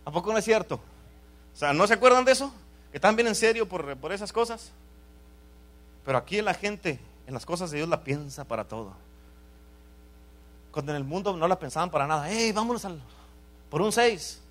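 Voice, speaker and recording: A man preaching a sermon as pastor, swinging from loud calls to quiet asides and punctuating his points with "amén". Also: a little high, lively intonation, a little fast, pauses often. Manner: repeated "amén" calls to the congregation.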